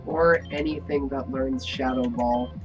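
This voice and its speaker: A woman's voice: very deep voice, steady tone, a little slow, far from the mic, over music. A woman co-commentating on a video game in casual chat.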